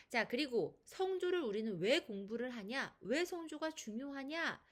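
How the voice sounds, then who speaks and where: A woman teaching a Chinese pronunciation lesson, explaining patiently and asking the viewer rhetorical questions. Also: fairly high pitch. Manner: sings out long held vowels in demonstrations.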